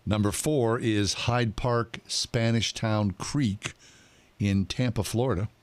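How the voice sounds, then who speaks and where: A man co-hosting casual radio talk, reading out items with deliberate emphasis. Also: fairly low pitch, steady tone. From Pittsburgh area, USA. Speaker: radio co-host.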